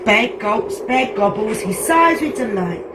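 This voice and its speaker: A woman's voice: a little high, lively intonation, measured pace. A woman reading a children's picture book aloud as a storytime host, playful and sing-song. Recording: echoey room, loud traffic noise.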